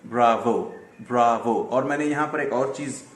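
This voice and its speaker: A man teaching English pronunciation in an online lesson, patiently repeating words slowly as drills and mixing in English terms. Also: a little high, flat delivery, echoey room. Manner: mixes Hindi-Urdu with English words.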